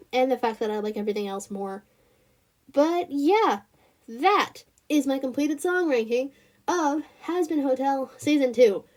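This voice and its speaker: A woman with a Southern US accent and a slightly high voice hosts her own review vlog. She talks in a loose, rambling way, full of "like" and "uh" and restarted thoughts. She speaks straight to her viewers in a chatty tone. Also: a little mellow. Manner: rambling, lots of fillers and restarts; chatty, addresses viewers directly. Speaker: channel host.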